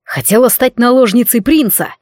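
A woman voicing a drunk, jealous young lord who growls his threats hoarsely in an audiobook. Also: a little high, moderate pace, darkish tone, no echo, clean studio sound, close to an everyday voice. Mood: mocking.

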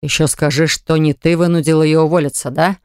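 A reader voicing a hot-tempered man who growls and sneers at a rival in a low, rumbling voice. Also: flat delivery, brisk, darkish tone, clean tone, no echo, studio quality, lightly acted. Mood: growling.

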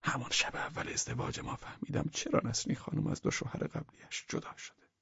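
A man narrating a humorous audiobook in a wry, expressive storytelling manner. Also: a little high, vocal fry, husky, dry recording, lo-fi sound.

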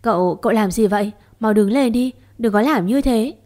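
A woman's voice: a little high, moderate pace, natural voice. Motherly village woman, read by a woman. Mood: gentle. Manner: gentle, motherly, tearful.

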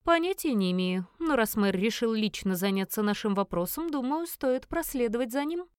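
A woman's voice: on the high side, lively intonation, normal speed, a little mellow, clear, resonant tone, dry recording, lightly acted. A composed young nobleman, read by a woman in an audiobook. He speaks easily and plainly. The sound is dry and close. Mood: easygoing.

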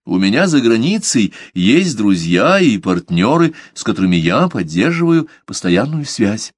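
A devout merchant, read by a man in an audiobook, answering questions with polite, measured calm and quiet firmness. The voice is lowish and the sound dry and close. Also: slightly rough, dry recording. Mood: composed. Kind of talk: audiobook character reading.

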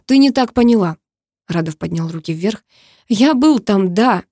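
A woman's voice: mid-range voice, lively intonation, moderate pace, mellow, no echo, studio quality. A woman voicing a young man who insists and pleads with his former lover in an audiobook. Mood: insistent.

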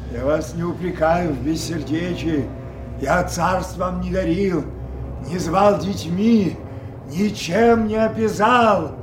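A man's voice: high voice, heavily acted. An actor playing an anguished old king who rages at a storm in grand, impassioned Russian stage tragedy verse. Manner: grand, drawn-out, impassioned declamation. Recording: echoey studio drama with loud music.

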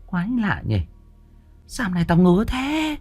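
A man's voice: high-pitched, huge pitch swings, a little slow, a little mellow, slightly rough, faint music behind, pitched above the performer's own voice, full character voice. A man voicing a panicky, spiteful mistress of the house who shrieks and stammers in terror, in a spoken ghost story. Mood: terrified. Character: panicky, spiteful middle-aged mistress woman. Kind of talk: storytelling with voiced characters.

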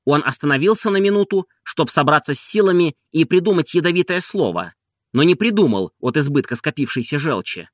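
A man narrating an audiobook of a classic novel in an expressive way. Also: on the high side, brisk, no room sound, studio quality.

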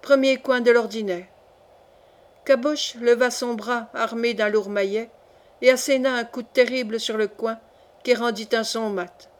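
A woman narrating a classic novel audiobook in a measured, expressive way. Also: fairly high pitch.

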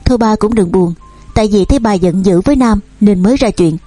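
A woman voicing a soft-spoken, gentle eldest son. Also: medium pitch, brisk, dry recording, faint music behind, close to an everyday voice. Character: calm, warm eldest son, a young man.

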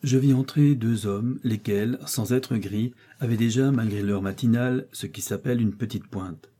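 A man reading a short story aloud in measured audiobook narration. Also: mid-range voice, dark tone, slightly rough.

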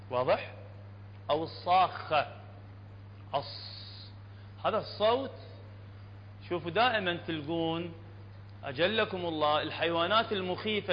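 A man with an Iraqi Arabic accent teaching Quran recitation, explaining letter sounds and often asking if it is clear. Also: high-pitched. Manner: explanatory, checks understanding often, demonstrates sounds slowly. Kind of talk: classroom lesson on tajweed. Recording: dull lo-fi recording with long hall reverb and faint hum.

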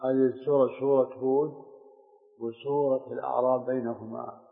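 An older man teaching Quran commentary. He interrupts the reader with short questions and then explains quietly. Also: mid-range voice, little pitch movement, a little fast, vocal fry. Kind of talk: live classroom commentary. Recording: phone-like tinny sound in an echoey lecture hall.

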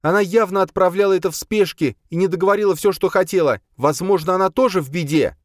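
A man reading an audiobook and voicing an impatient young woman with shrill, indignant outbursts. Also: quick pace, dry recording, studio quality, lightly acted. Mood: heated.

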